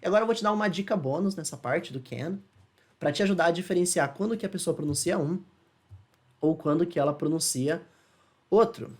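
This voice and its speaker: A man with a Brazilian Portuguese accent teaching an English lesson in a casual, explanatory way, often pausing with checking questions. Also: on the high side. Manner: chatty, asks checking questions, slows to demonstrate English phrases.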